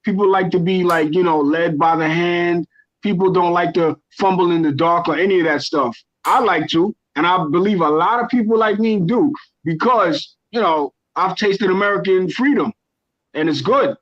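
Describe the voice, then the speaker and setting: A man's voice: sits high, moderate pace, a bit bright. A man from Ghana, a guest on a podcast, talking crypto in a passionate, rambling way and often correcting himself. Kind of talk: casual crypto chat. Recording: dull lo-fi stream audio.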